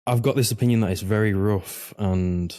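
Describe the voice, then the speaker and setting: A man's voice: fairly low pitch, normal speed, warm tone. A man from Manchester, co-hosting a podcast in casual chat, dry and joking with frequent ums. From North of England, Manchester. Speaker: podcast co-host. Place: podcast studio table.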